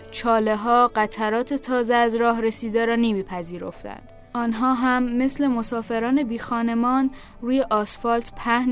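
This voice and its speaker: A woman with a fairly high voice reads a literary story aloud, calm and even. Soft music plays quietly underneath her narration.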